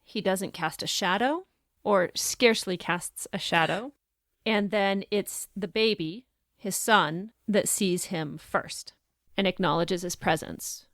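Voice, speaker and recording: A woman's voice: medium pitch, slow, fairly bright tone, no room sound, clean studio sound. A woman co-hosting a podcast, talking through a short story in a thoughtful, casual way and reading quotes aloud. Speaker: podcast co-host. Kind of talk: casual book discussion.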